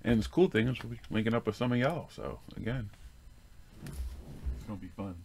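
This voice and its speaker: A man with a fairly low, creaky voice chats casually as a livestream co-host. A little noise sits behind him. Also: expressive, normal speed, a little mellow. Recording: noticeable background noise on livestream.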